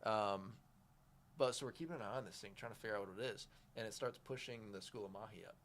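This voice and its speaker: A man with an American accent telling excitable fishing stories in casual chat. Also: on the low side, slight background noise. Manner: fast, excitable storytelling. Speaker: fishing guide.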